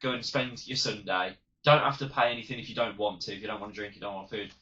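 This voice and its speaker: An enthusiastic man with a bright, forceful voice chats casually as a podcast co-host. He keeps an agreeable tone, and the recording sounds dull and lo-fi. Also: fairly low pitch, fairly even intonation. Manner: agreeable, enthusiastic, quick short replies. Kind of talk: casual fan podcast chat.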